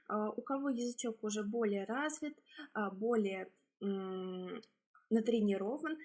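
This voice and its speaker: A woman speech therapist with a slightly husky voice explains exercises step by step in a halting, instructional way. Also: on the high side, darkish tone.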